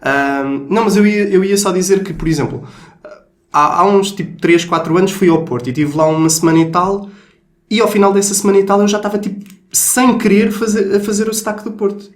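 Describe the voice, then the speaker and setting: Higher-voiced Portuguese male host, roomy sound. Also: fairly even intonation, fairly quick. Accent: European Portuguese. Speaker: podcast host. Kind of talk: casual chat. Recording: echoey room.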